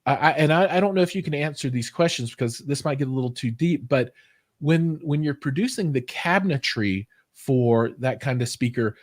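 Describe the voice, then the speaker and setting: A man's voice: mid-range voice, expressive, moderate pace. Chatty American man interviewing. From United States. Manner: friendly, chatty questions with fillers. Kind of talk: casual interview.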